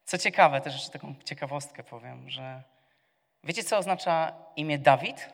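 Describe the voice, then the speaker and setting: A man preaching a sermon, asking his congregation questions and answering them himself, moving between quiet asides and loud cries. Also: a little high, normal speed, gravelly. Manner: swings from soft to loud, shouting the cries. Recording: long reverb of a church hall.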